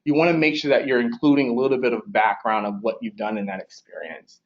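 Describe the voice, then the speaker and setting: Dull lo-fi recording; young male career advisor, mid-pitched, talking with braces, conversational workshop delivery with frequent rephrasing. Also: fairly even intonation, quick pace, roomy sound. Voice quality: speech slightly impeded by braces. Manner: conversational, repeats and rephrases himself. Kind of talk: informal instructional presentation.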